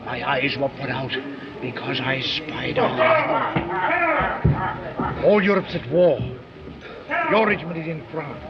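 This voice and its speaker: An actor playing a blinded British spy, urgent and desperate, in stagey, halting declamation, heard through crackly early talkie film sound. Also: male voice, mid-range voice. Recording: hissy, muffled 1929 film soundtrack.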